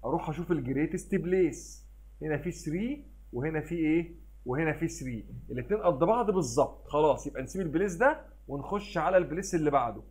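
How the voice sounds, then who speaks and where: A man with an Egyptian Arabic accent, teaching a recorded math lesson for children. He asks questions and answers them himself, mixes in English math terms and reads numbers out slowly. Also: on the high side, expressive, darkish tone.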